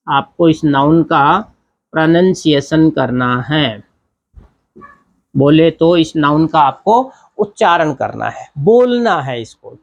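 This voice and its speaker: A man teaching an English grammar lesson. He explains step by step, repeats each point, and keeps checking in with the class. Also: high-pitched. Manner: explains step by step, repeats key points, often asks "theek hai na".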